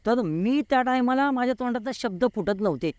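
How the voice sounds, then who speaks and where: A man's voice: very high voice, expressive, fairly quick, clean tone, dry recording. A man in his forties, a guest telling a true story in an interview, vivid and repeating words for effect.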